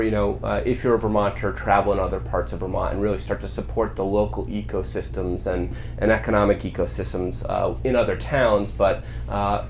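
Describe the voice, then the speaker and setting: A man with a mid-range voice hosts an informal community update. He is conversational and halting, circling around before he gets to each question. A little noise sits behind him. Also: medium pitch, a little mellow. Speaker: host.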